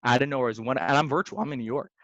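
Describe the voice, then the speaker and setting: Animated young man telling deal stories. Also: mid-range voice, rapid-fire, dry recording. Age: young adult. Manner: animated, slangy, says "man" and "dude" often. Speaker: real estate investor guest. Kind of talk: casual podcast storytelling. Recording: dry, slightly dull sound.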